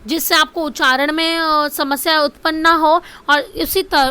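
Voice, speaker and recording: Woman teacher, high clear voice, slow and patient, repeats words for pupils. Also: sharp tone. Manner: repeats each word, asks if students can see. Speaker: Hindi grammar teacher. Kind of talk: slow classroom spelling lesson.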